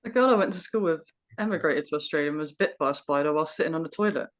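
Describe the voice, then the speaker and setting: A woman plays a prim, forthright young female student in an audio drama. Her voice sits a little low, and she speaks directly and properly. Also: racing, natural voice. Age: young adult.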